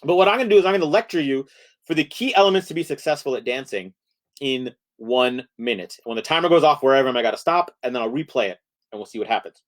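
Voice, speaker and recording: A man's voice: medium pitch, lively intonation, fast talker. A middle-aged man performing a solo virtual improv comedy show, explaining a game and then playing it with playful, rising energy.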